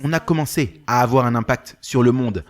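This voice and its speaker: A man's voice: mid-range voice, a little fast. A male preacher telling a story in a sermon, acting out the dialogue with animation.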